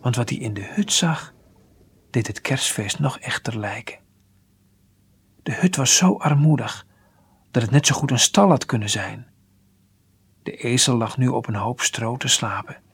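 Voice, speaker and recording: Calm male storybook reader, hushed at times, muffled audio. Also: mid-range voice, a little slow, long pauses, husky. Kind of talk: reading a children's story aloud.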